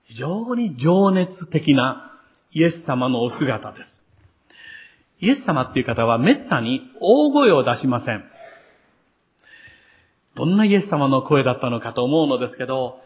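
Expressive male pastor preaching. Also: medium pitch, normal speed, long pauses, lo-fi sound. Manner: earnest, expressive preaching with rising emphasis. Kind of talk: sermon.

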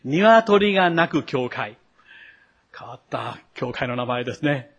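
A man, a pastor delivering a sermon, who acts out the quoted speech with a raised voice and drops to a hush when he turns to the congregation. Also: medium pitch, expressive, slow pace, highs cut off.

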